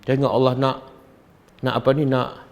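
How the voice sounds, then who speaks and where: A middle-aged man with a Malaysian Malay accent, giving a religious study lecture and questioning his audience in an animated, teasing way. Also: mid-range voice, moderate pace, creaky. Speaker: religious teacher.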